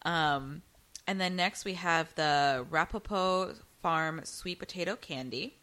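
A woman's voice: deep voice, slow, fairly bright tone. A young woman co-hosting a casual snack-tasting chat, laughing often and reading from a booklet. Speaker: co-host reviewing snacks.

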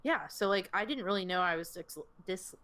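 A woman's voice: mid-range voice, animated, a little fast, bright, forceful tone, slight background noise. A woman co-hosting a podcast, talking candidly, laughing easily and swearing now and then. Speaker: podcast co-host. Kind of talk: casual podcast chat.

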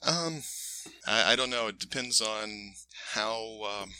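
A man acting as game master, narrating casually and haltingly, pausing to find his words. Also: lowish voice, pushed and bright, a little hiss or hum, rough recording. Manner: halting, pausing mid-phrase to search for words.

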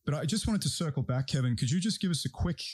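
A man's voice: a little high, animated, fast talker, slightly rough, no echo, studio quality. A man hosting a podcast, talking casually in a blunt, opinionated way. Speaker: podcast host and breathwork practitioner. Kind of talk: casual conversational talk.

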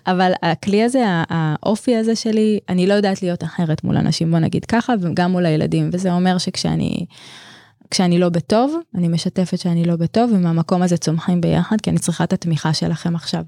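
A woman teacher in middle age tells a story from her classroom in a low, soft, mellow voice. She speaks earnestly and thoughtfully, breaking off and restarting as she reaches for the right words. The recording is close and dry, with no room sound. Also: steady tone, gravelly, dry recording. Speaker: teacher, podcast guest. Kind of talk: reflective storytelling in conversation.

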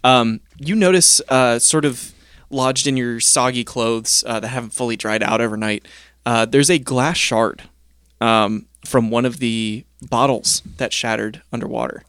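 A man's voice: mid-range voice, fairly even intonation, a little slow, fairly bright tone, smooth, dry recording, clean studio sound. A man acting as game master, narrating casually with hesitant, improvised phrasing.

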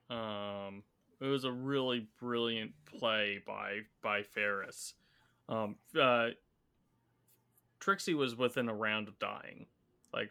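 A man's voice: fairly low pitch, creaky, bright, forceful tone, clean tone. A man acting as game master, casually recapping a tabletop game and explaining its rules in detail.

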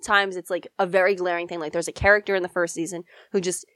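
A woman's voice: fairly low pitch, level tone, fast talker, fairly bright tone, no echo. A young woman co-hosting a podcast in casual, bantering chat while her throat is sore. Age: young adult. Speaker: podcast co-host.

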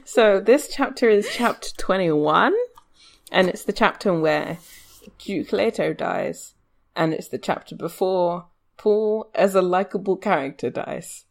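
A woman's voice: expressive, measured pace, creaky. Woman with a glitchy, robotic call voice. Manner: playful, swears casually. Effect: glitchy robotic call distortion with jumping pitch. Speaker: book-club podcast co-host. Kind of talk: casual chat. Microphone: online voice call.

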